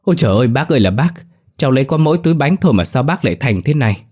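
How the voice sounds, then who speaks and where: A cowardly middle-aged man, voiced by the male narrator who wails instead of talking. The voice jumps well above the narrator's own and tumbles out quickly. It plays as comic self-pity in a spoken story. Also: animated, a little mellow, lightly acted. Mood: wailing. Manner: wailing, high and fast.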